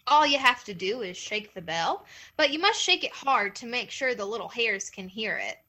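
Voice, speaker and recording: A wrinkled, crafty old male hare from a folktale, sweet and innocent on the surface while scheming underneath, put on by a woman telling the story. His voice is high and lively, rising and falling with feigned meekness, bright in tone. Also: moderate pace. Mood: sly sweet. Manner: sweet, innocent-sounding, cunning. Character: old, scrawny, sly male hare, quick thinker.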